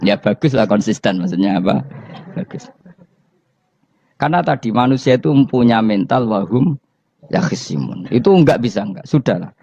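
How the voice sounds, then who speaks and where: A man's voice: lowish voice, expressive, normal speed, long pauses, dark tone, husky, no room sound. A man with a Javanese accent giving a religious lecture, telling stories with rhetorical questions and chuckles. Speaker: Islamic preacher. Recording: dull, lo-fi dry recording.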